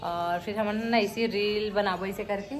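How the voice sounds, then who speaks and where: A woman's voice: medium pitch, steady tone, unhurried. A woman vlogger from Chhattisgarh with a Chhattisgarhi accent, chatting casually to her viewers as friends. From Chhattisgarh, India. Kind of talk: casual vlog talk.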